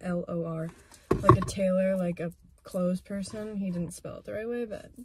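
A woman's voice: fairly low pitch, steady tone, moderate pace. A woman chatting casually to her phone camera in a car, rambling with lots of "like" and "um", her voice a little worn. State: losing her voice. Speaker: vlogger. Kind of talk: casual vlog chat. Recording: phone video with loud car noise. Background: loud car noise.

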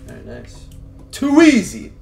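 A man's voice: high-pitched, huge pitch swings, measured pace, gravelly, a little mellow, slight background noise. A man on a livestream headset mic, giving casual gameplay commentary and greeting chat by name with slangy "bro" and "dude". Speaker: game streamer. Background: game music.

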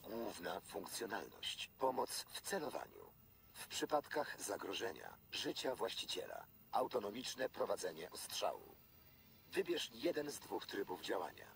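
A deadpan smart-gun AI, gravelly tone, slow literal speech, game dialogue, faint hiss. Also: male voice, on the low side, a crowd in the background, heavily acted. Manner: monotone machine-like delivery, repeats louder.

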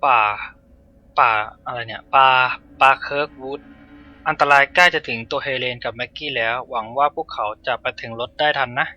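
A young man commentating his own gameplay, excitable, swearing and shouting at the game. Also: mid-range voice, normal speed, muffled recording. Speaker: gaming YouTuber. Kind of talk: let's play commentary.

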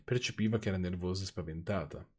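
A man's voice: low voice, quick pace, darkish tone, husky. A man with an Italian accent reading viewers' stories aloud, breaking off for dry, sarcastic asides. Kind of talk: reading aloud with off-the-cuff commentary.

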